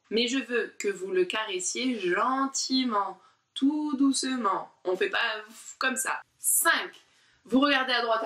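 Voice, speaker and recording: A woman teaching a diction warm-up lesson, articulating syllables slowly and with exaggerated care while guiding exercises. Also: fairly high pitch, echoey room, recorded from a distance. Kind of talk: online speech warm-up lesson.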